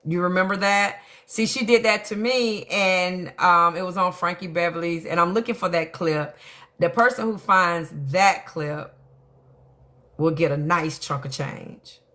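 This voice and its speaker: A woman's voice: on the low side, steady tone, measured pace, pushed and bright. A middle-aged woman, hosting a casual live stream, telling her side bluntly and profanely while greeting viewers by name. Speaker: livestream host.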